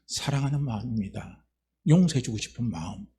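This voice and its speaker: A male pastor giving a Sunday sermon in a slightly husky voice, repeating phrases and building to loud, emphatic climaxes. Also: medium pitch, lively intonation, fairly quick.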